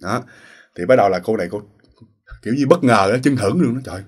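A man narrates a ghost story at a brisk clip. His voice is husky and a little rough. He keeps the tone casual and speaks straight to his audience, slipping into the voices of the people he describes. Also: medium pitch, lively intonation. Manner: acts out quoted voices, talks straight to listeners.

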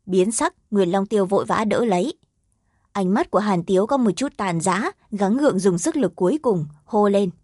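Lady narrating a fantasy audiobook, mid pitch, very dry close sound. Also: normal speed, darkish tone, slightly rough, no echo.

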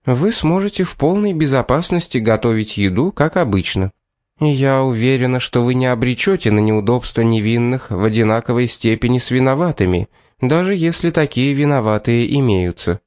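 A man voicing a composed, firm lady of the house who speaks in a measured way. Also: medium pitch, lively intonation, darkish tone, dry recording, clean studio sound, close to an everyday voice.

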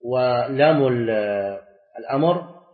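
A middle-aged man, teaching a class, reciting verses slowly and quizzing students with short questions. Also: medium pitch. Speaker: Islamic scholar teaching a class. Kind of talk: classroom lecture on Arabic grammar and scripture. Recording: echoey, dull lecture-hall recording.

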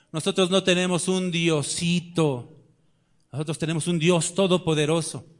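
Preacher man with big dynamic swings. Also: on the high side. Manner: rhetorical questions, wide swings between loud declarations and quiet asides. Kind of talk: sermon.

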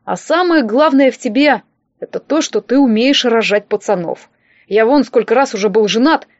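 A woman reading an audiobook and voicing a blunt, bossy older rich man who gives gruff, mocking orders. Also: on the high side, moderate pace, no echo, lo-fi sound.

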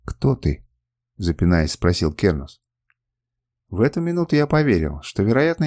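A man reading a first-person adventure novel aloud, telling it in a dramatic, expressive way. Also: mid-range voice, no room sound, studio quality. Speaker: audiobook narrator. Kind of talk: scripted first-person narration.

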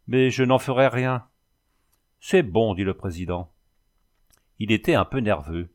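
A man narrating a story aloud as an audiobook, with dramatic delivery. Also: on the low side. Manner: expressive, dramatic. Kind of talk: audiobook reading.

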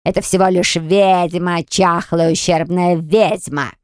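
A woman voicing a demanding young woman with a low, hoarse voice. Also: fairly even intonation, unhurried, no echo, clean studio sound, close to an everyday voice. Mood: indignant.

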